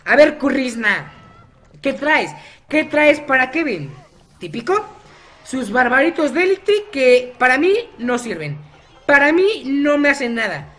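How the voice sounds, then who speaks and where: A man's voice: extremely high pitch, big pitch swings, unhurried, pushed and bright. A man commenting on his own gameplay, chatty and teasing his opponents by name. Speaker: gaming YouTuber.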